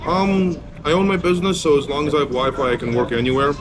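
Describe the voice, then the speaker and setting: A man's voice: a little high, steady tone, quick pace. A man from Poland answering street-interview questions, giving blunt and candid opinions about travel and dating. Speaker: interviewee, business owner.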